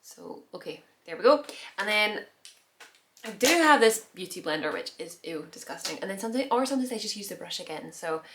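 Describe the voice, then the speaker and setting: A woman in her thirties talks her viewers through her makeup routine at home, in a casual get-ready-with-me chat. She rambles easily, restarting sentences and slipping in soft laughs as she goes. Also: medium pitch, expressive, a little fast, slight background noise. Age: 30s. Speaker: beauty vlogger.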